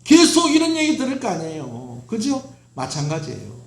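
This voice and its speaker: A man's voice: sits high, wildly swooping pitch, normal speed, creaky. A middle-aged man preaching a sermon as pastor, asking the congregation questions and answering them himself. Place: church sanctuary. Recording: roomy church echo.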